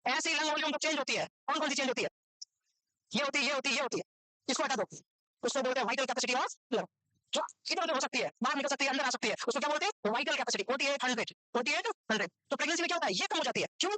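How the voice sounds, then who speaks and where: A woman gives a medical lecture at a breakneck clip, tossing out question after question and repeating each answer. Her voice sits high and sounds sharp and bright. The recording is dry and close. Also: rapid-fire, no echo, poor audio. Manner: mixes English medical terms into Hindi. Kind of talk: Hindi medical lecture, quizzing students.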